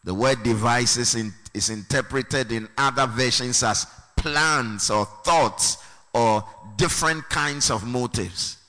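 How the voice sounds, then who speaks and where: A man preaches a sermon in a slow, deliberate way, lifting into a sung cadence at the high points. His voice is bright and ringing. It carries a long reverb from a large hall.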